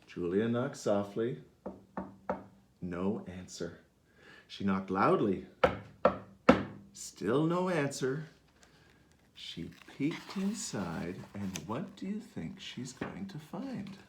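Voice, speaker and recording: A man reading his picture book aloud to children, animated and inviting them to join in. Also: medium pitch, slow, long pauses, noisy background. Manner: animated, asks listeners to join in. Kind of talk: interactive read-aloud for children.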